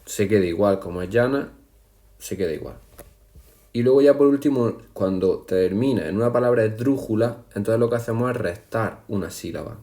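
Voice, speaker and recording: A man teaching a language lesson in a patient, explanatory way, counting syllables aloud slowly and speaking to his students directly. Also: on the low side, warm tone. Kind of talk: classroom explanation over slides.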